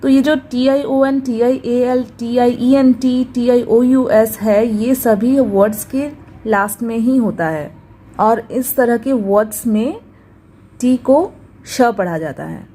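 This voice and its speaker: A woman with a Hindi accent teaching English pronunciation in a video lesson, talking slowly and carefully, repeating words for drilling. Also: fairly high pitch, mellow, poor audio.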